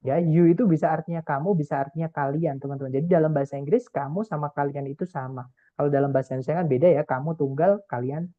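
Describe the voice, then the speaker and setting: A man's voice: fairly high pitch, steady tone, fast talker, no echo. A man tutoring an online class, explaining step by step and often addressing the group directly. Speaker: TOEFL tutor. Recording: tinny call audio, dry.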